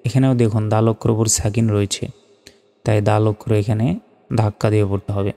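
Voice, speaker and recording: A man teaching Quran pronunciation, spelling out each Arabic letter and vowel mark, then chanting the verse slowly. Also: lowish voice, level tone, vocal fry, dark tone, long reverb tail.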